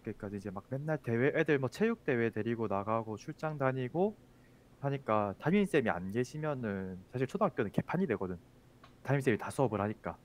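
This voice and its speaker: A man's voice: mid-range voice, lively intonation, a little fast. A man who is a teacher, chatting casually and telling a childhood story, with many fillers. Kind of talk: casual chat.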